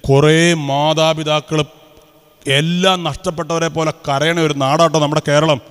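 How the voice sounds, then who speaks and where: A man in his 50s from Kerala preaches in a high, fairly bright voice, giving a lively religious talk to schoolchildren in a large hall full of students. He keeps quizzing them with repeated questions, and the recording rings with the hall's reverb.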